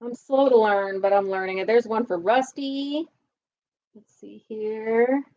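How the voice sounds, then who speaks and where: A woman's voice: fairly high pitch, measured pace, a little mellow, no echo, highs cut off. A woman in her thirties resting at home, casually chatting on a livestream and reading viewer comments aloud. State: recovering, resting in bed. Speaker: livestream co-host.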